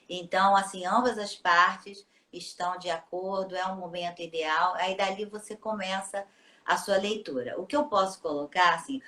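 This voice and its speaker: A woman's voice: medium pitch, sharp tone. A woman teacher, patiently explaining in a casual live interview and often ending with tag questions. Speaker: teacher and children's book author.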